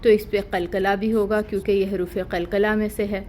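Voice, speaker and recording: A woman teaching an online Quran recitation lesson, explaining each rule slowly and deliberately and stretching out the recited words. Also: mid-range voice, flat delivery, a little mellow, a little hiss or hum.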